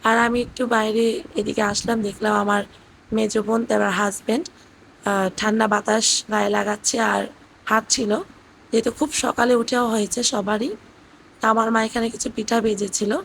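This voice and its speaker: Hoarse woman narrating vlog. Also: on the high side, level tone, moderate pace, slight background noise, poor audio. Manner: gentle storytelling with fillers. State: hoarse, voice cracking. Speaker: vlogger narrating family trip. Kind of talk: voice-over narration. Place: indoors at her parents' house.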